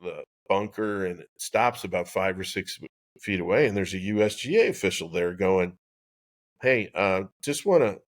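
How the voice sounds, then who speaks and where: A man's voice: low voice, moderate pace. A man in his sixties, a guest on a podcast, telling a long rambling anecdote with lots of restarts. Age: 60s. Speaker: guest, golf club designer. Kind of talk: conversational storytelling.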